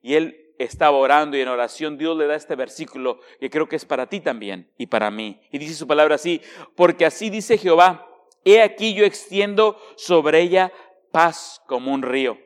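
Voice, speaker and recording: A man preaching a sermon as a pastor. He asks the congregation direct questions and swings between hushed, slow passages and raised, emphatic ones. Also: fairly high pitch, expressive, clean tone, big-room sound.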